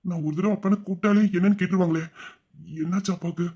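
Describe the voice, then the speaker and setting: A man's voice: high-pitched, fairly even intonation, racing, warm tone, muffled recording. A man playing a devoted young adult son who speaks earnestly and emotionally to his father. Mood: worried. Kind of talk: audio drama acting.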